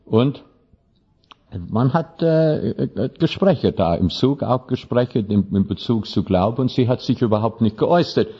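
A male pastor telling a story in a sermon, speaking halting German with slips and restarts. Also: mid-range voice, expressive, slightly rough. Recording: dull lo-fi recording.

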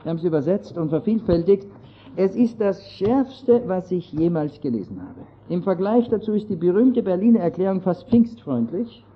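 Husky, high-pitched and animated, a man speaks at normal speed with a partly Germanized Austrian accent. His talk on church history is earnest and prone to digressions, aimed at an audience and recorded in dull lo-fi quality.

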